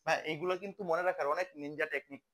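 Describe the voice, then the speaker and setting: Very fast and fairly bright, a young man's fairly high voice holds fairly even intonation as he tutors chemistry. He keeps it casual, conversationally asking questions and then answering them himself.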